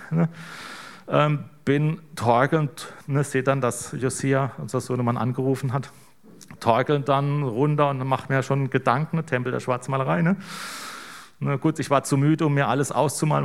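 A middle-aged man preaching a conversational sermon, chatty and informal, often ending phrases with a questioning tag to the congregation. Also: medium pitch. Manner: casual, keeps adding "ne?" to draw in listeners.

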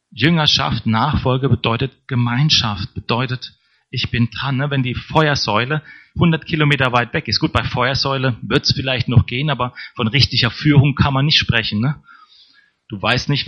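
Conversational man preaching, muffled sound. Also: medium pitch. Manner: conversational, tag questions to congregation. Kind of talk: sermon.

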